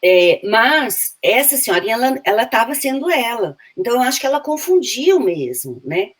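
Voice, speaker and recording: An animated Brazilian woman tells backstage stories in an easy, chatty way. Her pitch sits a little high and swings widely. She keeps restarting her sentences and throws herself into the lines she quotes. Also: normal speed. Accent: Brazilian Portuguese. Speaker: actress, interview guest. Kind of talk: casual conversational storytelling.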